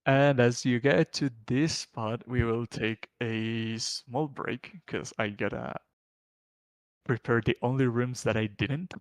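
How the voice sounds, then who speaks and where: A man's voice: medium pitch, fairly even intonation, slow pace, no echo. A man acting as game master, narrating a tabletop game casually and answering players.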